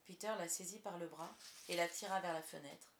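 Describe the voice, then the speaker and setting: A woman narrating a children's storybook in a soft, hushed manner, in a roomy recording. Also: fairly low pitch, a little fast, a little hiss or hum. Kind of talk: storybook reading. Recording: roomy echo.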